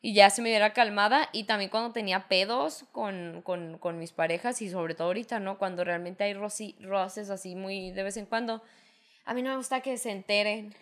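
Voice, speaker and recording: A woman's voice: mid-range voice, moderate pace, fairly bright tone. Young mexican woman, laid-back slangy chat, lots of fillers. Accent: Mexican Spanish. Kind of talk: casual chat.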